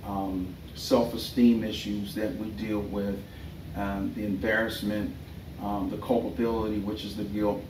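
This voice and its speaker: A middle-aged man giving a thesis defense presentation in a hesitant, halting way, often rephrasing himself. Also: on the low side, mellow. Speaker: doctoral candidate and pastor. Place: small indoor meeting room. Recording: roomy, distant mic with background noise.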